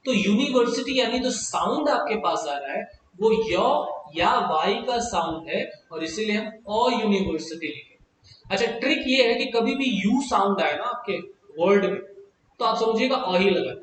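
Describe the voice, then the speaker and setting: A man with an Indian accent teaching an English grammar lesson, mixing Hindi with English and slowly drawing out the example words. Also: high voice, fairly bright tone, slight background noise. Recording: very echoey room, mic far off.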